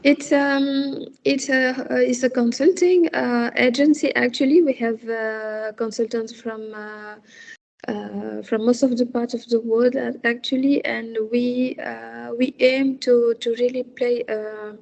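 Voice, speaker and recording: A woman from Senegal, a hospitality consultant, talking slowly and hesitantly with many fillers and restarts as a guest on a video call interview. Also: a little high, steady tone, gravelly, a little mellow.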